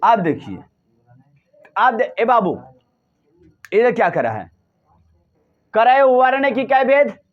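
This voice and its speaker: A man's voice: extremely high pitch, very animated, takes it slowly, pauses often. Guy teaching a class, keeps firing questions at students, muffled lo-fi sound. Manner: drills students with repeated questions. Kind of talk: classroom lesson.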